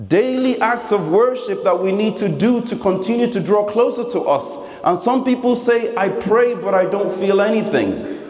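Reading from notes at a stand mic, a young preacher with a high-sitting, slightly mellow voice gives an earnest Friday sermon in a big mosque hall, chanting Quranic verse amid echoing reverb.

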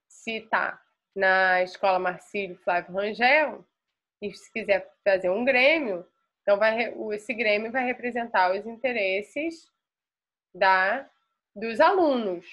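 A woman's voice: mid-range voice, slow pace. Patient Brazilian woman teacher, lo-fi sound. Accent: Brazilian Portuguese. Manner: explains patiently, often restarts words. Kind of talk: online class lesson.

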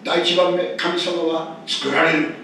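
Older male pastor, high and very lively delivery, emphatic sermon, heard from afar in a church hall. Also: unhurried, gravelly. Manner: emphatic preaching, repeats key phrases. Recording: echoey church hall, distant mic, faint noise.

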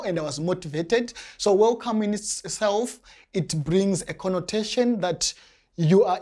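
A young man from Zimbabwe with a Zimbabwean accent, answering interview questions carefully with pauses and restarts, on a lapel mic in a small studio. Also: high voice, a little mellow. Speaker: interview guest, church member. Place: small indoor studio set.

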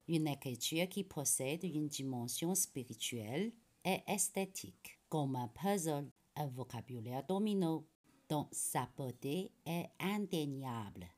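A middle-aged woman from China, a Mandarin teacher whose first language is Chinese, giving a careful, slow presentation to parents in a small room. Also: low-pitched, darkish tone, rough recording. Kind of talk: recorded school presentation.

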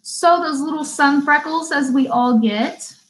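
A young woman leads a beauty school class online, her voice slightly high and her delivery unhurried. She reads each definition out word by word, then drifts into loose, chatty asides and easy laughter. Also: rough recording. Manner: chatty, laughs easily, stumbles and restarts. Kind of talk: live online vocabulary lesson.

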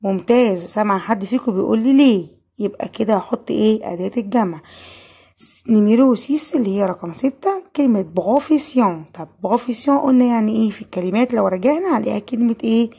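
Husky-voiced Egyptian woman teaching French. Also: on the high side, fast talker, dark tone. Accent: Egyptian Arabic. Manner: patient, asks and answers her own questions. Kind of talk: online lesson explaining grammar.

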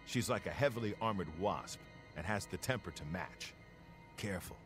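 An actor playing a gruff middle-aged gladiator trainer in a fantasy video game, giving tough, condescending coaching. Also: male voice, fairly low pitch, expressive, normal speed, a bit bright, faint music behind. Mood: gruff, stern. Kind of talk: video game character dialogue.

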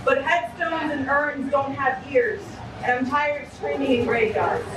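At an open mic in a small bar, a woman in her thirties performs spoken word poetry from a book, her high voice unhurried yet intense and impassioned. She uses a stand mic but is filmed by a distant camera, so the sound is echoey, far off and very noisy with bar ambience.

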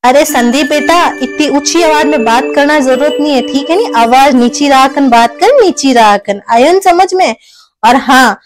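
A woman playing a sharp-tongued, fed-up older village mother in a family comedy skit, speaking with a Rajasthani Marwari accent and scolding with repeated tag questions. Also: high-pitched, close to an everyday voice. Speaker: skit actor.

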